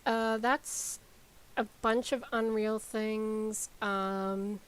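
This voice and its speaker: A woman game developer talking casually on a live stream, rambling with lots of ums and likes as she explains software. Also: mid-range voice, clear, resonant tone, low-quality recording.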